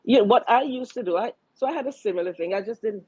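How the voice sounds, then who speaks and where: A woman's voice: a little high, fast, warm tone, husky, dry recording. A woman panelist in casual chat, reflecting on her own parenting and often murmuring agreement while others talk. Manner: reflective, frequent "mm-hmm" backchannels. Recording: dull lo-fi audio.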